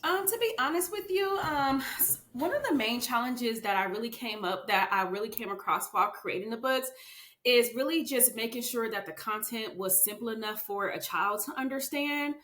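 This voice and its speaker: A woman who writes children's books chats as a podcast guest in a casual interview, full of fillers and "you know what I mean" asides. English is her first language. Her voice is expressive and a bit bright at a moderate pace, recorded in an echoey room with a faint rumble.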